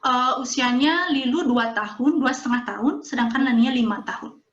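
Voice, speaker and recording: A woman's voice: high voice, normal speed. A woman giving a webinar talk on parenting, mixing English phrases into her speech and acting out little dialogues. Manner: acts out quoted dialogue. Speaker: webinar speaker. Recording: roomy, muffled online call audio.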